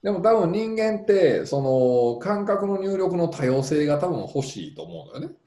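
A man with a Kansai accent talks through ideas in a relaxed podcast chat, pausing on fillers as he thinks. His voice is mellow and low in color, and its pitch rises and falls a lot. The recording has a roomy echo. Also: slight background noise. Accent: Kansai Japanese. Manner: relaxed, musing, full of fillers.

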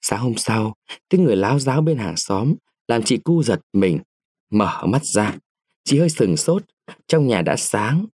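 A man reads a short story aloud with a very lively, rising and falling voice, speeding up and slowing down with the action. The sound is dry and close, with no room around it. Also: fairly low pitch, slightly rough, no echo. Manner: expressive, changes pace with the story. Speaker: narrator.

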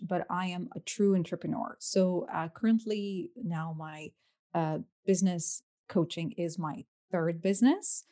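Her voice is lowish with a dark tone. She's a coach in her thirties appearing as a podcast guest, a native Lithuanian speaker whose accent comes through as she answers interview questions in a conversational way.

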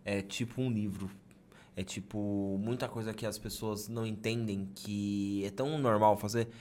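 A man with a Brazilian Portuguese accent, hosting a podcast, who tells stories in an animated way and sometimes stops mid-sentence to search for a word. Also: on the low side, moderate pace, a little hiss or hum. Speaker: podcast host. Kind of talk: casual podcast conversation.

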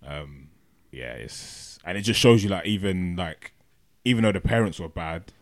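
Low-voiced London man, dry close sound. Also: animated, normal speed, no room sound. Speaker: podcast host. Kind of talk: casual chat.

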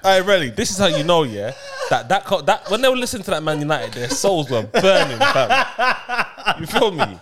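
Animated London man chatting casually. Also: on the high side, brisk, crowd noise. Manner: slangy. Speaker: podcast co-host. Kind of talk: casual podcast banter.

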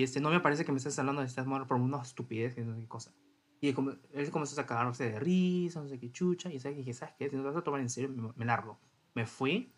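A young man, a podcast co-host telling stories in animated casual chat and swearing freely. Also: medium pitch.

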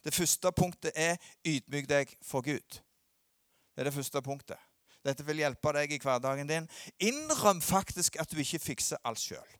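A middle-aged man preaching a sermon, swinging between loud emphatic peaks and low quiet asides. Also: expressive, no room sound, clean studio sound. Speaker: pastor.

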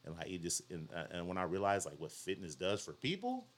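A young man chatting casually as a guest, an animated storyteller who acts out quotes in slangy speech. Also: low-pitched, brisk. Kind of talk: casual conversation.

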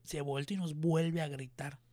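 A young Mexican man with a high voice, telling an anecdote to a friend on a podcast. He acts out the dialogue with sudden loud bursts. The sound is dry and close. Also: moderate pace, dry recording. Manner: animated storyteller, acts out quoted lines with loud bursts and laughs. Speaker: podcast co-host. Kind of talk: casual storytelling chat.

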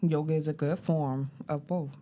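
A woman's voice: low voice, steady tone, normal speed, dark tone, a little hiss or hum. A middle-aged woman co-hosting a podcast, chatting casually and animatedly, laughing often. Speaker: podcast co-host. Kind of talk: casual chat.

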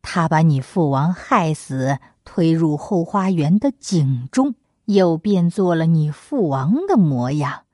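A woman doing a cocky monkey king, voice pitched low. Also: lively intonation, a little mellow, no room sound, studio quality, full character voice. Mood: sly. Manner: lowered voice, quick and coaxing. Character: cocky male monkey king, clever and brash.

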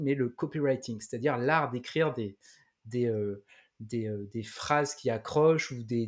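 A man co-hosting a podcast in casual chat, talking with many fillers and restarts. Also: medium pitch. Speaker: podcast co-host.

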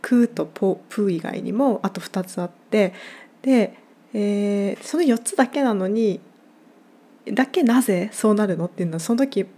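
Woman rambling on her own podcast, soft mellow tone, lots of um and uh. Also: medium pitch. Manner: chatty, explanatory, many fillers and restarts. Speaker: podcast host. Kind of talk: casual solo podcast talk.

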